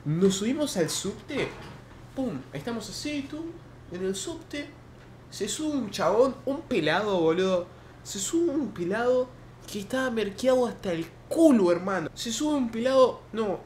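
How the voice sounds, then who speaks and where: A man's voice: high-pitched, a little hiss or hum. A young man with an Argentine Rioplatense accent casually telling a story to his stream chat, slangy and swearing a lot. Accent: Argentine Rioplatense Spanish.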